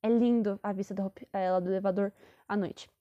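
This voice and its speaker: A young Brazilian woman with a medium-pitched, steady voice speaks fairly quickly as she tells a rambling personal story. She's chatty and keeps correcting herself along the way. The audio is dull and lo-fi.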